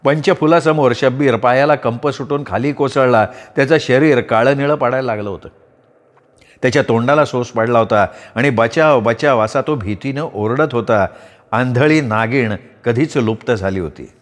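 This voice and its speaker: A man narrating a novel aloud as a storyteller, with an expressive, varied delivery. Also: mid-range voice, moderate pace. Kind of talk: dramatic audiobook narration. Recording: long reverb.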